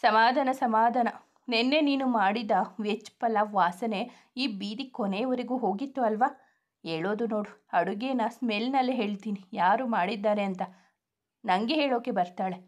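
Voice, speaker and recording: A woman's voice: on the high side, moderate pace, close to an everyday voice. Woman voicing a teasing young elder brother.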